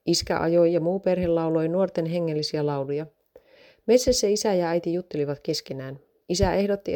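Woman storyteller, low mellow voice, steady scripted read. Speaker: narrator.

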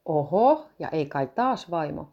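A woman's voice: low-pitched, big pitch swings, vocal fry, muffled recording, exaggerated voice. A woman reading a curious adult male friend who keeps asking questions.

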